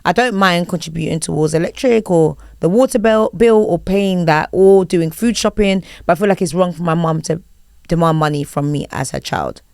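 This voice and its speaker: A woman hosts a relaxed podcast conversation in a fairly low voice. She reads things out in a flat, formal manner. The sound is dry and close, with no room around it. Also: normal speed, gravelly, no echo. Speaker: podcast host. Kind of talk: casual chat, reading lyrics and a letter aloud.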